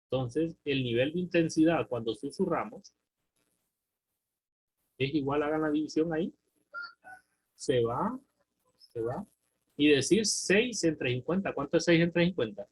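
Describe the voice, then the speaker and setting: A man's voice: a little high, lively intonation, unhurried, pauses often, husky, poor audio. A man with a Honduran Spanish accent teaching a recorded lesson, thinking aloud through a problem and asking students check questions. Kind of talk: recorded math and physics lesson.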